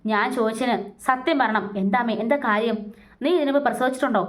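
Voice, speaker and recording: A woman voicing a stern middle-aged mother-in-law who demands answers from her daughter-in-law in sharp questions. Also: fairly high pitch, fast, lightly acted. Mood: demanding.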